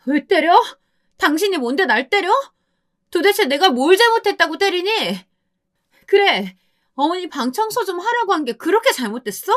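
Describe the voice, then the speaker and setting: A woman performs above her natural pitch, using a high voice with big swings, a moderate pace, and a slightly bright tone. She plays a bossy young wife shrilly scolding her mother-in-law.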